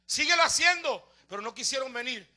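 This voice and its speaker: A man's voice: very high-pitched, animated, brisk, pushed and bright. A man, a pastor preaching a sermon, telling stories and acting out the people he quotes, building to emphatic appeals. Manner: storytelling preacher who acts out the voices of people he quotes.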